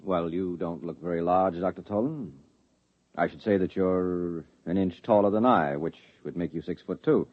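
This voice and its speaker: In a 1950s radio drama, a man plays a curious, wry government official who asks probing questions. His voice sits low at a moderate pace, and the broadcast sounds thin and tinny.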